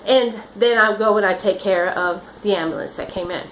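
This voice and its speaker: A woman's voice: mid-range voice, normal speed, fairly bright tone, a little hiss or hum, rough recording. A woman who works as a nurse, telling her stories in a rambling, earnest way with many restarts. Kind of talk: casual storytelling.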